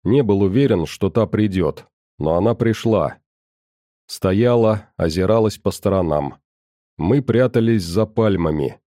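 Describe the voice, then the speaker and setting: Male first-person audiobook narrator, measured and calm, dark dry timbre. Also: on the low side, dry recording.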